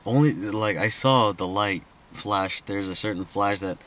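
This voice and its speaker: Drunk, slurry, rambling man with a low voice. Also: a little slow, fairly bright tone. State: drunk, slightly slurred speech. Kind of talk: casual rambling personal recording.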